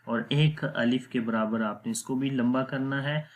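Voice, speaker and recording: A man's voice: mid-range voice, steady tone. A man teaching Quran reading rules, explaining each step patiently and repeating them plainly. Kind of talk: step-by-step tajweed lesson.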